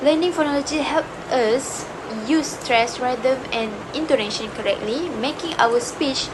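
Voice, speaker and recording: Young woman student presenter, high-ish, hesitant, noisy street backdrop. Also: unhurried. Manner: hesitant, many uh fillers and restarts. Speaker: student presenter, future English teacher. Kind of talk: class presentation. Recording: noisy background with passing vehicles.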